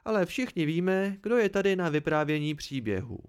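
A boastful old village storyteller, as a man puts him on in a homemade audiobook. The voice rides high and loud, pushing each line out with pride. Pitch climbs above the reader's own. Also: very animated, clear, resonant tone.

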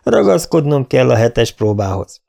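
Egy férfi, aki egy gúnyos, kegyetlen fiatal herceget szólaltat meg, nevetős megvetéssel. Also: male voice, medium pitch, very animated, creaky, dark tone. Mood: mocking. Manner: sneering, laughing scorn. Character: cocky cruel young prince, mocking.

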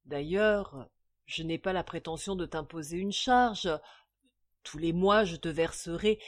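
A woman voicing a sly, scheming man in a storybook reading, smooth and wry. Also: lowish voice, a little slow, lightly acted. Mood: earnest. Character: scheming sly middle-aged Parisian man.

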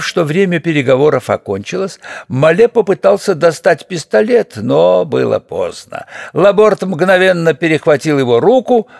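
Gravelly, expressive male audiobook narrator. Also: fairly high pitch, no room sound, studio quality. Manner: expressive, dramatic storytelling. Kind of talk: audiobook narration of popular history.

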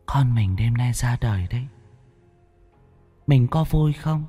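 A man's voice: mid-range voice, lively intonation, slow, dark tone, breathy edge, in a large hall, faint music behind. A man voicing a vengeful pregnant female ghost in an eerie, whispery voice.

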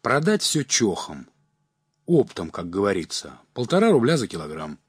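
Brief: wheedling old hustler read by a man, husky, lively pitch, rustic. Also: moderate pace, dry recording, exaggerated voice. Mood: scheming. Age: older. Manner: wheedling, sighing, rustic folksy talk. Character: sly older male market hustler, sighing, wheedling. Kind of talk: audiobook character voice.

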